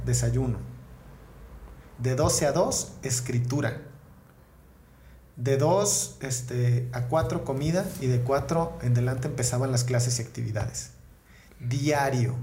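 A man's voice: medium pitch, a little mellow. A man with a northern Mexican accent chatting casually and telling stories, slangy and profane, repeating words for emphasis. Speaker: comedian, podcast guest. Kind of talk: casual conversational storytelling. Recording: roomy echo, clear background noise.

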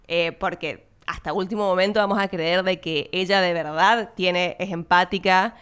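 Young argentine woman podcasting, chatty film talk, smooth clear voice, laughs while talking. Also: fairly low pitch, steady tone, normal speed, a bit bright. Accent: Argentine Spanish, not Buenos Aires. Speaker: podcast host. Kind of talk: casual film commentary.

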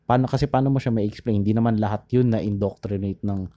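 A man casually talking through history, rambling and pausing to search for names, mixing English into his Tagalog. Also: lowish voice, warm tone. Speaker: podcast co-host.

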